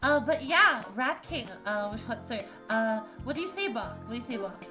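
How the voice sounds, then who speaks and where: A woman running a tabletop game as game master, excitable and animated. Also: a little high, a little fast, music in the background.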